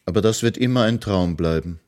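A man voicing a wistful young girl who longs to go to school, in a gentle reading voice. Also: deep voice, a little fast, close to an everyday voice.

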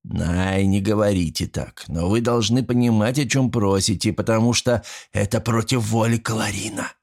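A lecherous, vindictive jailer, read by a man in an audiobook, drawing his threats out slowly and with relish. His voice sits low and gravelly, with a husky edge. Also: darkish tone. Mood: gloating. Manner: slow, gloating, menacing. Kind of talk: audiobook reading.

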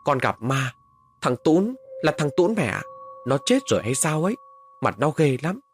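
A man's voice: fairly high pitch, very animated, normal speed, slight background noise, voice pushed up. A man voicing a frightened young village boy who pleads and cries out in panic, in a spoken horror story. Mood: pleading.

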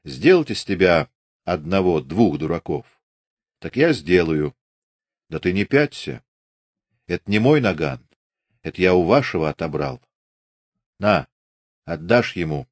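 A man voicing a self-assured young Cossack officer who speaks in a steady, clipped, threatening way, in an audiobook. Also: mid-range voice, moderate pace, voice pushed up, lightly acted. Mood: cold menace.

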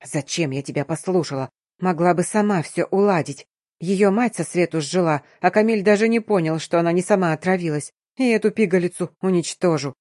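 A woman voicing a scheming, jealous middle-aged stepmother who turns shrill, tearful and defiant, in a dry audiobook reading. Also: a little fast, a little mellow, no room sound, natural voice. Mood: bitter grumbling. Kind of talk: audiobook character voice.

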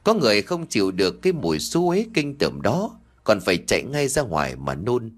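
Man telling a horror story, very expressive. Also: on the low side. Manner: slow, grave, dramatic.

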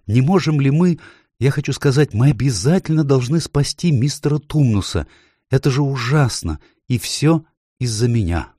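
An anxious, tender-hearted little girl from a storybook, put on by a man who lifts his voice well above its usual depth. She pleads urgently and a little breathlessly, with a husky edge, and the recording is dry. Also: medium pitch, lively intonation, moderate pace, mellow, dry recording, voice pushed up. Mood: pleading. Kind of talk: audiobook character voice.

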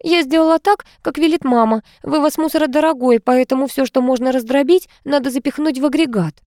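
A woman voicing a young wife who is defensive and shrill. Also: a little fast, a little mellow, dry recording, clean studio sound, natural voice.

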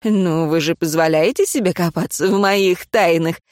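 A woman's voice: fairly low pitch, moderate pace, no echo, studio quality, voice pushed down, close to an everyday voice. A woman voicing a proud noblewoman teacher who speaks in a clipped, defensive way. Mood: cold.

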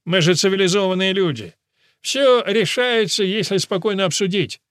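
A man's voice: high-pitched, animated, moderate pace, a bit bright, no echo, studio quality, voice pushed up. A man voicing a smug, cheerful middle-aged father who talks in a breezy, patronizing way.

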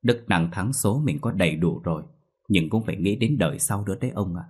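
A man doing a nagging older wife in a told ghost story, scolding her husband in a rapid, lecturing tone. The voice stays low and husky. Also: lively intonation. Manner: quick, scolding.

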